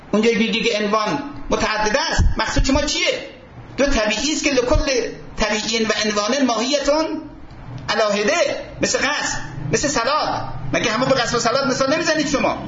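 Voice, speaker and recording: A man's voice: very high voice, fairly bright tone. A man giving a seminary lecture, quoting Arabic texts and posing fill-in questions to his students. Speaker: seminary teacher. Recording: roomy dull recording with faint hiss.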